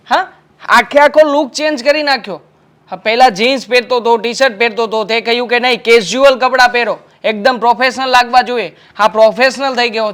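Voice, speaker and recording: A man's voice: very high-pitched, a bit bright. A young husband in a family drama film, easygoing and dismissive. He answers in a defensive, coaxing manner, brushing aside his wife's worries. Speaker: actor as the husband. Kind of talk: Gujarati short film acting.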